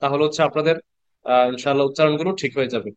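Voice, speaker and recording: Guy teaching an online class, smooth clear voice, stretches out letter sounds, kinda muffled call audio. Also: medium pitch, fairly even intonation, no echo. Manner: patient, repeats letter sounds slowly and asks the class questions. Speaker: Quran reading teacher. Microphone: computer mic on a video call.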